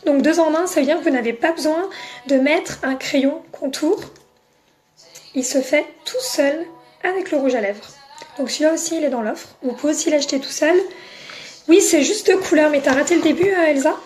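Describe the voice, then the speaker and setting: Chatty high-voiced French woman selling makeup. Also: moderate pace, darkish tone, faint music behind. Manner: chatty, talks straight to viewers by name. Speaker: makeup seller on a live stream. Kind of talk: casual live selling chat, answering comments.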